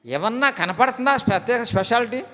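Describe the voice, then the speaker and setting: High-voiced preaching pastor, Telugu accent. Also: male voice, expressive, fairly quick. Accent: Telugu, Andhra coastal. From India. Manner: preaching with dramatic swings between loud and hushed delivery. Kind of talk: sermon. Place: church prayer hall. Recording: long hall reverb.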